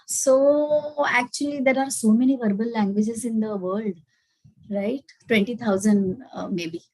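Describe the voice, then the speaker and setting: A guest speaker with an Indian English accent and a fairly high voice gives a webinar lecture and takes questions over a video call. She explains steadily with frequent fillers, and the recording is dry and rough.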